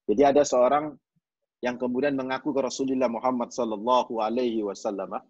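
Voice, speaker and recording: A man's voice: mid-range voice, little pitch movement, fairly quick, darkish tone, dry recording. A man with an East Javanese accent giving a hadith study lecture, talking conversationally, repeating key phrases and often turning to his listeners. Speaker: religious teacher. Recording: dull lo-fi recording.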